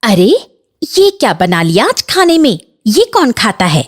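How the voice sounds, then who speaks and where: A woman's voice: fairly high pitch, very animated, unhurried, breathy edge, full character voice. A woman voicing a bossy, demanding older aunt in a Hindi cartoon, complaining and scolding.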